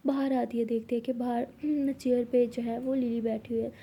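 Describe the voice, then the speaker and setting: A young woman narrating a love story in a casual way, speaking the characters' lines herself and often dropping to a soft whisper. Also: a little high, little pitch movement, moderate pace, slight background noise. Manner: acts out both girls' lines in her own voice, often whispering softly.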